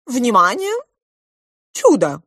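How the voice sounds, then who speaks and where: A woman voicing a bossy, playful male king in a children's audiobook, giving loud commanding proclamations. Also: a little high, sing-song, takes it slowly, dry recording, studio quality, voice pushed up, full character voice. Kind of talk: audiobook character voice.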